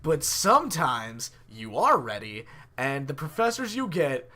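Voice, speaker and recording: A man's voice: a little high, sing-song, unhurried, pushed and bright. A young man co-hosting a podcast, chatting casually and giving eager, teasing advice. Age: young adult. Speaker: podcast co-host. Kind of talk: casual chat. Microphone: wearing on-ear headphones.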